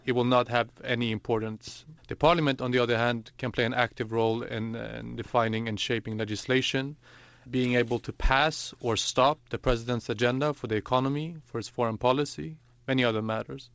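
A man from Iran answers remotely as an editor, analytical and deliberate. His voice is smooth and resonant. The line sounds dull and lo-fi, and the room is dry. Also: medium pitch, steady tone, fairly bright tone, dry recording. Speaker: news editor guest. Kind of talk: panel discussion answers. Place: remote location outside the studio.

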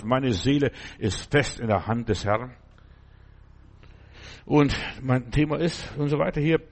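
An older male preacher gives a loose, conversational sermon. He talks to the listener directly and familiarly, rambling and restarting as he goes, and keeps checking whether he is understood. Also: mid-range voice. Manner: talks straight to the listener as "du", often asks "verstehst du?"; folksy, blunt, rambling with restarts.

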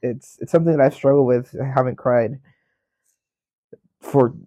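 A man's voice: medium pitch, normal speed, warm tone, no room sound. A man co-hosting a podcast, talking frankly and animatedly in casual chat, swearing often. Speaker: podcast co-host.

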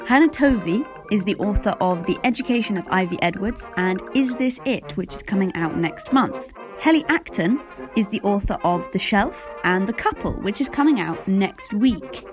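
A woman's voice: medium pitch, animated, normal speed, music in the background. A woman who edits books, hosting a podcast with an upbeat, emphatic delivery. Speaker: podcast host and book editor. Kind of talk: scripted intro, then casual interview.

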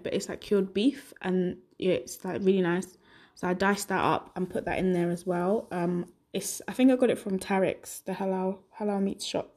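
A woman's voice: medium pitch, darkish tone. A young adult woman hosting a solo podcast, chatting casually and rambling, often laughing at herself. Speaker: podcast host.

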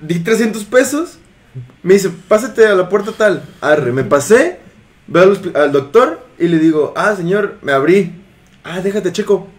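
A man's voice: high voice, sing-song, moderate pace. A young man with a Mexican Spanish accent telling a slangy story to his friends, laughing and acting out the people in it. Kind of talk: casual storytelling among friends.

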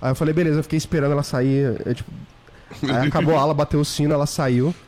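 A man's voice: a little high, very fast. A young man, a podcast guest, telling a funny story in casual chat, acting out voices and laughing as he goes. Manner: animated, acts out voices and shouts in his stories; laughs often while telling.

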